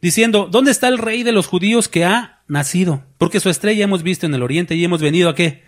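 Pastor guy preaching, kinda high voice, asks the crowd stuff, acts out little voices. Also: fast talker. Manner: lively preaching with rhetorical questions and acted-out voices. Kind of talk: sermon.

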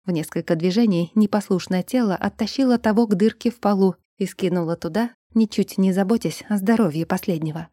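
A woman narrating a first-person fantasy audiobook in a quiet, tense storytelling voice that sinks toward a whisper. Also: medium pitch, brisk, hardly any pauses, no echo, clean studio sound.

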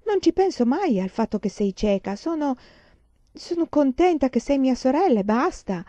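Brief: impulsive teenage girl, voiced by a woman reading aloud, emphatic, mellow tone, dry audio. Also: sits high, big pitch swings, moderate pace, no room sound, pitched above the performer's own voice. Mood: earnest.

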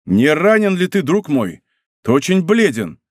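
A man reading an audiobook, voicing a cool, brooding musketeer who speaks in a low, hollow, measured way. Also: lively intonation, darkish tone, dry recording, clean studio sound, lightly acted. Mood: grave. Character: cool, brooding older musketeer, grave and commanding.

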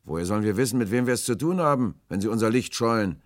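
A man voicing a blunt, practical sailor who talks loudly and directly in an audiobook. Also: lowish voice, lively intonation, quick pace, dry recording, studio quality, pitched above the performer's own voice, natural voice. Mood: firm. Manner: loud, calling across water, firm and direct. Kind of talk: audiobook character voice.

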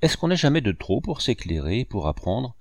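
A man's voice: medium pitch, very animated, brisk, dry recording, clean studio sound. A man reading a storybook voices a jovial older male painter bantering with his niece.

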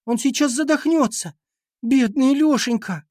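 Man doing a shrill fussy schoolgirl. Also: wildly swooping pitch, fairly quick, darkish tone, no room sound, clean studio sound. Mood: panicked. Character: excitable, fussy young schoolgirl.

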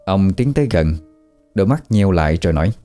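A man narrating a horror story in a vivid, measured way. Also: low voice, lively intonation, warm tone, soft background music.

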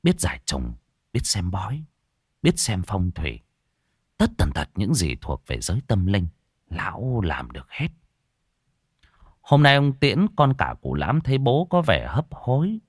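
A man narrating a ghost story in a lively, folksy, colloquial way. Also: lowish voice, dry recording, studio quality.

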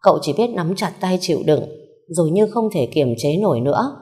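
Low-voiced woman reading a story. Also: expressive, a little fast, mellow. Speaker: narrator. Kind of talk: storybook narration.

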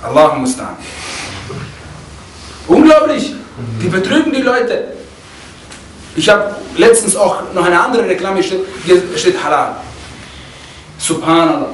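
Man, religious lesson, high voice, echoey room, a bit off the mic, quick Arabic quotes, explains them with stories. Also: a bit bright, recorded from a distance, a little hiss or hum. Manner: reads Arabic quotes quickly, then explains in German, often asking "ja?"; grows heated and indignant when telling a story. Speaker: religious teacher. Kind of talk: lecture explaining hadith with anecdotes. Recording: roomy sound, speaker away from the mic.

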